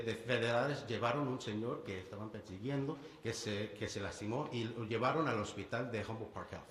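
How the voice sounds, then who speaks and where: A man in his thirties with a Puerto Rican accent, a state legislator giving a halting press conference speech, full of restarts and English words. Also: medium pitch, fairly bright tone. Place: bill signing event indoors. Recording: echoey hall with long reverb.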